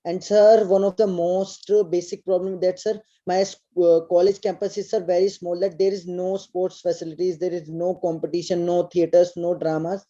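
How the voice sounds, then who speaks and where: A man's voice: sits high, level tone, normal speed, few pauses, warm tone. A young man, a college student speaking earnestly and politely in class, often addressing the teacher as sir. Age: young adult. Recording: dull lo-fi audio.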